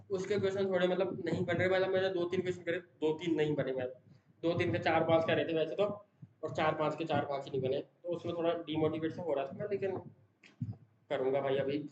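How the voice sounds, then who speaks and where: A young student vlogger talks in a rambling, casual way, leaning on fillers and tag questions. His voice sits a little high. The recording is dull, with room echo and steady background noise. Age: young adult. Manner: says he talks fast, in one breath. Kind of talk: casual daily study vlog. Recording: echoey room, dull sound, noisy background.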